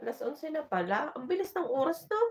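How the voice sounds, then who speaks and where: A woman's voice: high voice, very animated, quick pace, recorded from a distance. A Bicolano woman from the Philippines chatting casually and talking to herself on a late-night phone livestream, laughing easily. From Bicol region, Philippines. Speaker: livestream vlogger.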